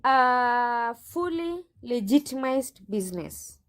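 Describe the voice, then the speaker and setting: A woman's voice: fairly high pitch, animated, slow, fairly bright tone. A woman, a recruitment agent, answering in a heated interview with assertive, combative replies and repeated phrases.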